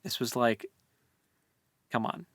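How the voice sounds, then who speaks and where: A man co-hosts a podcast, talking slowly, casually and informally about a book and offering opinionated commentary. His voice is a bit bright, and the recording is dry with clean studio sound.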